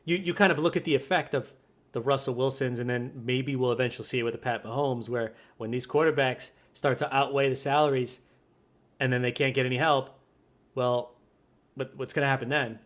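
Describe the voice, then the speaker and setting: A man hosting a casual sports podcast, talking fast in an easygoing way. He keeps the conversation moving and steers it toward the next topic. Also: mid-range voice, steady tone. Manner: quick, easygoing, steers the show. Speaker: podcast host.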